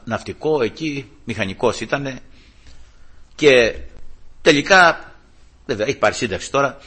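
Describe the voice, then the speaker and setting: Male preacher, lively storytelling sermon, forceful husky voice. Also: mid-range voice. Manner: storytelling, exclaims praise and quotes scripture.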